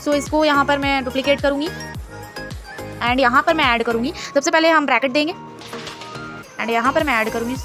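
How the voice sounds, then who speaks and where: A woman's voice: high voice, steady tone, normal speed, pauses often, music in the background. A woman hosting a screen-recorded design tutorial, chatty and instructive, mixing English words into her Hindi.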